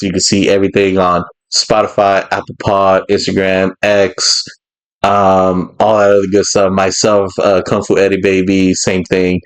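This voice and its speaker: A man's voice: sits low, rough recording. A man hosting a podcast in casual chat, rambling and laughing often. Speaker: podcast host.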